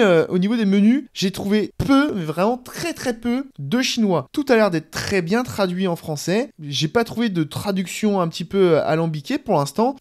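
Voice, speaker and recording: A man with a rather high voice narrates a casual gadget demo. He thinks aloud, filling pauses with hesitant sounds as he feels his way through the menus. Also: a little mellow. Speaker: tech YouTuber.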